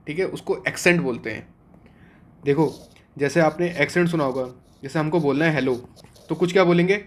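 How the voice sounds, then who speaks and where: A young man teaching an online exam-prep vocabulary class, explaining step by step and asking and then answering his own questions. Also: on the high side.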